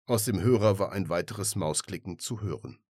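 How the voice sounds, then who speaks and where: A man narrates an audiobook with even, measured storytelling. His voice is on the low side and the recording is dry and close. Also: breathy edge, dry recording.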